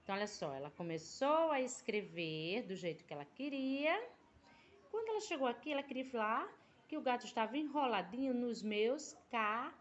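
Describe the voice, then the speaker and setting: Woman teacher with a Brazilian Portuguese accent, patient, explanatory, with a bouncing melodic voice and a fairly high pitch. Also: animated, lo-fi sound. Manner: patient, explanatory, drawn-out syllables. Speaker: primary school teacher. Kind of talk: recorded remote class lesson.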